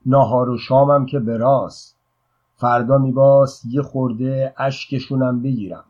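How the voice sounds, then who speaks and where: Sly street preacher chanting for coins, husky, on a dull lo-fi recording, played by a man reading a story. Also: medium pitch, steady tone, mellow, lightly acted. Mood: scheming. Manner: chanting, then pleading and brash. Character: sly scheming beggar preacher, middle-aged man.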